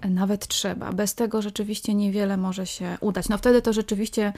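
A woman speech therapist talks as a radio guest, with a gravelly, creaky edge to her voice. She explains step by step in a patient way and circles back to repeat her main points. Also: mid-range voice, steady tone, fairly quick, dark tone. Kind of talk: expert explanation in a radio interview.

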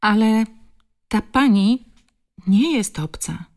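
A woman's voice: low-pitched, moderate pace, gravelly, dark tone, breathy edge, exaggerated voice. A woman reading the part of a timid little girl who stammers and pleads. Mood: pleading.

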